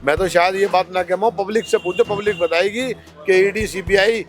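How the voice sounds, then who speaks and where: A man with a rather high voice defends his party in an interview. He argues steadily and leans on rhetorical questions. Faint music plays underneath. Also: steady tone, moderate pace. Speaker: politician, candidate. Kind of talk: interview answers.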